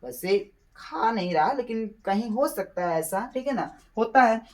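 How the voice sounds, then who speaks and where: A male English teacher walks students through exam vocabulary, mixing Hindi explanation with English terms. He stretches each English phrase out slowly, repeats key words several times, and keeps pausing to ask if everyone is following. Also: high-pitched, expressive. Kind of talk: classroom lesson to exam students.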